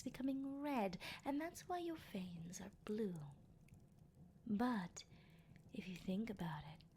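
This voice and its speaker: A woman with a mid-range, dark-toned voice plays a teasing, menacing vampire captor in an intimate, whispery ASMR roleplay. Her delivery is leisurely and playfully taunting, with a slight hiss or hum in the audio.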